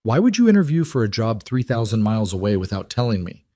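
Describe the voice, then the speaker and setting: A man voicing a betrayed single father in a quarrel, hollow and bitter, his voice turning sharp and accusing. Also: lowish voice, big pitch swings, fast talker. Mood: angry.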